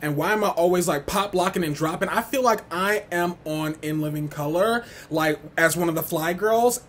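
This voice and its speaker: A man's voice: sits high, normal speed, a bit bright. A man ranting wildly and casually as a music reviewer, sassy and slangy, swearing and repeating himself for emphasis. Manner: wild, over-the-top ranting with emphatic repetition. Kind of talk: unhinged casual rant ranking album tracks.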